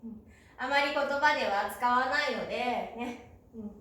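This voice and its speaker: A woman's voice: on the high side, moderate pace, fairly bright tone. A woman teaching a beginner Japanese lesson, patiently spelling out each syllable and affirming with small "un" sounds. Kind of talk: slow, clear classroom lesson. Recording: very echoey room.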